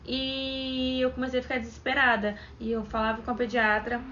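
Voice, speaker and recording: A young vlogger from Brazil recounts events in a chatty, casual talk to camera, her slightly high, somewhat bright voice coming out monotone and a little fast. A faint hiss runs under the dull, lo-fi sound.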